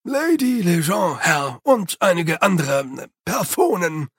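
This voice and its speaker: A man voicing a grumbling, hunched male manservant who speaks in loud, emphatic bursts. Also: high voice, very animated, slow, slightly rough, no room sound, studio quality, exaggerated voice. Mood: gruff.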